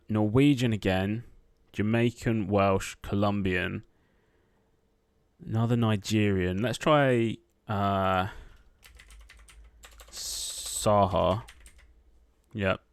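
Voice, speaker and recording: Low, slow man muttering quiz guesses. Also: clear, resonant tone. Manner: muttering names half to himself, lots of ums. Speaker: quiz gameplay streamer. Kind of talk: thinking aloud while playing a quiz. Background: keyboard typing.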